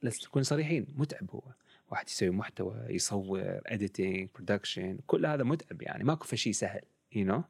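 A man with an Iraqi Arabic accent who mixes English words and phrases into his Arabic, coaching in a casual, conversational way with a slightly husky voice. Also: on the low side, dry recording.

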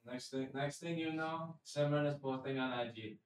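An echoey, distant recording of a man speaking casually. He is a native Arabic speaker with a mid-pitched voice, heard well away from the microphone. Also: steady tone, moderate pace, a crowd in the background. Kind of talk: casual chat. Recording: echoey room, far from microphone.

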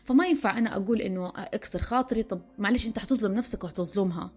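A woman's voice: mid-range voice, rapid-fire, slightly rough. A woman, a relationship counselor talking through a podcast discussion and acting out the lines she quotes. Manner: animated, acts out quoted speech.

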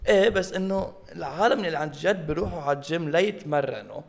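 A man's voice: a little high, lively intonation, very fast, creaky. A man with a Lebanese Arabic accent in casual, humorous chat, telling stories with mocking mimicry and slipping in English phrases. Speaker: podcast co-host.

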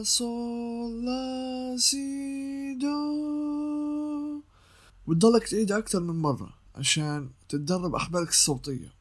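Husky young man teaching voice-over. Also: a little high. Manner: explanatory, repeats himself, sings scale notes. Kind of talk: casual tutorial.

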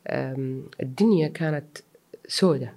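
A woman's voice: extremely low pitch, normal speed, dark tone. A woman, speaking earnestly and reflectively as an interview guest, mixing in English words. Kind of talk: personal interview.

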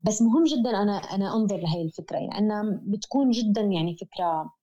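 Quick-talking Levantine woman, earnest and reflective. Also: mid-range voice, lively intonation, mellow, lo-fi sound. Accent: Levantine Arabic. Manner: earnest, emphatic, repeats key phrases. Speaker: interview guest. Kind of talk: reflective explanatory conversation.

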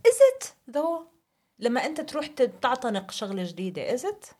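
A woman's voice: high voice, huge pitch swings, normal speed, a little mellow. A woman with a Levantine Arabic accent co-hosting a casual podcast talk, questioning and often switching between Arabic and English. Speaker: podcast co-host. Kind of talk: casual discussion.

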